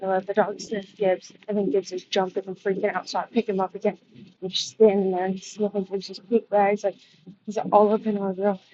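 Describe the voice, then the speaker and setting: A young woman tells a casual storytime for her vlog, chatty and animated, at an ordinary middle pitch. Her voice comes through a slightly dull, lo-fi recording. Faint noise sits underneath her. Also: fairly quick. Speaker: vlogger.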